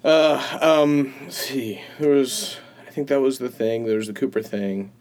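A man's voice: medium pitch, steady tone, unhurried, a little mellow. A man co-hosting a podcast, chatting casually, rambling through stories and laughing often. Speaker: podcast co-host. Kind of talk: casual chat.

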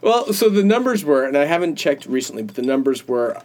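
A man's voice: on the high side, sing-song, brisk, a little mellow. Podcast guy rambling thru a story, laughs a lot, loose and chatty. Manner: rambling, laughs often, retells stories animatedly. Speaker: podcast co-host. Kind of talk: casual chat.

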